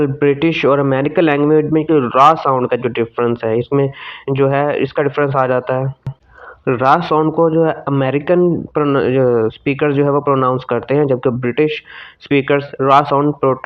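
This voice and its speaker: A man teaching a language class. He reads each question slowly, then explains it in quick, loose talk with restarts and fillers. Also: mid-range voice, dull audio. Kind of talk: study-question lesson in Hindi-English mix.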